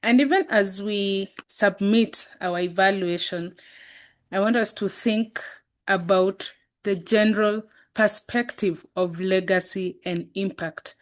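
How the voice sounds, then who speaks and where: A woman's voice: mid-range voice, steady tone, slow pace. A woman hosting an online meeting over a video call, earnest and exhorting with rhetorical questions. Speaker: meeting host. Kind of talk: reflective meeting address.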